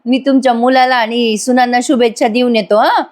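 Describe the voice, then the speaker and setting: A woman's voice: on the high side, steady tone, fairly quick, darkish tone, lightly acted. Woman voicing a cheeky young village man. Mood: joking.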